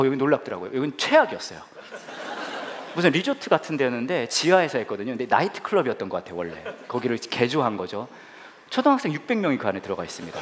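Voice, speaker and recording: A man's voice: mid-range voice, slight background noise. A man preaching as a pastor in a church hall, telling a humorous story and acting out the voices in it. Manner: animated, acts out voices in the story.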